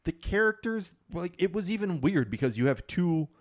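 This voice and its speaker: A man's voice: high voice, sing-song, moderate pace. Dry, opinionated male podcast co-host. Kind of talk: casual chat.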